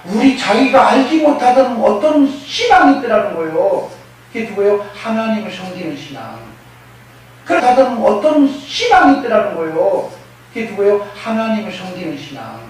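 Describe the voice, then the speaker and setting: A man's voice: high-pitched, sing-song, moderate pace. A man preaching a sermon as pastor, who keeps asking his congregation rhetorical questions and acts out quoted speakers. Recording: echoey hall, mic at a distance, faint noise.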